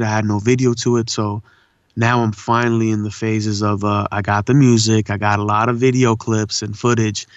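A man's voice: lowish voice, dry recording, dull audio. A man who was born in India and raised in Southern California, a voice actor and poet, talking reflectively in a casual interview. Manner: relaxed, reflective, says "man" often.

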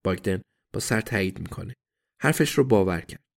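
A man narrating an audiobook in a steady, even storytelling manner. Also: low voice, gravelly.

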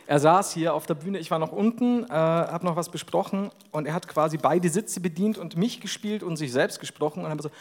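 A man with a Bavarian accent co-hosting a live comedy podcast on stage, excitable and laughing often. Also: fairly high pitch, brisk, hardly any pauses.

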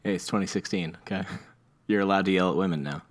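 A man with a very deep voice co-hosts a casual podcast. He trades dry, teasing jokes in a relaxed tone. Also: fast. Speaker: podcast co-host. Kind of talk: casual chat.

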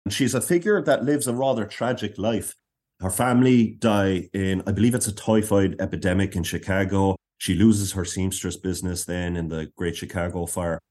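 A man with a deep, low-pitched voice talks as an interview guest. He tells history in a measured way, laying out points in short phrases. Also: steady tone, darkish tone. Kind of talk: explanatory interview talk.

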